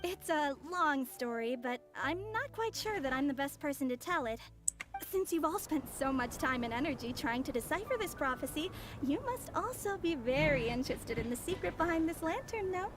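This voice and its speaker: An actress playing a poised, mysterious young mage in a video game, speaking formally and politely. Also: female voice, high voice, expressive, moderate pace, over music. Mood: composed, sly.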